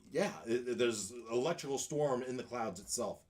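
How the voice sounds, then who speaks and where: A man working as game master, narrating a tabletop game in a halting, conversational way. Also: medium pitch, a little mellow.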